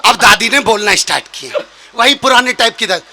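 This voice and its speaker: A man who is a comic poet telling a funny story on a live stage, lively and shouting out the punchlines. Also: very high-pitched, fairly quick, slight background noise. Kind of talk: stand-up poetry performance.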